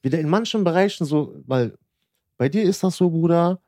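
A man's voice: fairly high pitch, lively intonation, fairly quick, warm tone, dry recording, clean studio sound. A man chatting casually in slangy, emphatic bursts, often repeating words to underline agreement. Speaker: podcast host. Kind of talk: casual chat.

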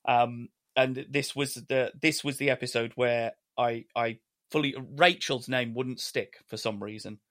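A man's voice: medium pitch, measured pace, hardly any pauses. Laid-back man discussing a series. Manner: relaxed, conversational, occasional swearing. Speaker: podcast co-host. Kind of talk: casual TV review chat.

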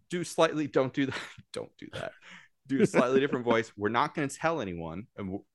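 A man's voice: mid-range voice, very animated, normal speed, no echo, studio quality. A man hosting a podcast in casual chat. He talks in a loose, chatty way, swears casually, and uses a nasal, upbeat presentation voice. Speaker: podcast host.

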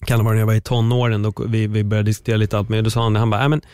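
A man's voice: lowish voice, monotone, mellow, smooth, no room sound, studio quality. A man hosting a podcast, talking earnestly and reflectively in casual conversation, with the odd casual swear word. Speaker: podcast host.

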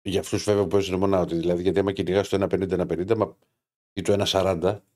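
A man co-hosting a casual sports betting chat, chatty and explaining at length, his voice rising when he gets excited. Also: sits low. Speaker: podcast co-host.

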